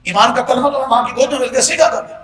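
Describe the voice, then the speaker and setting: A man preaching a sermon with impassioned force, often breaking into shouts. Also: very high voice, fairly even intonation, reverberant, crowd noise.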